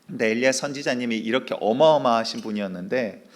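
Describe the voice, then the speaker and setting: A man's voice: medium pitch, expressive, normal speed. A male pastor preaching a sermon, telling a Bible story conversationally with rhetorical questions to the congregation. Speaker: senior pastor.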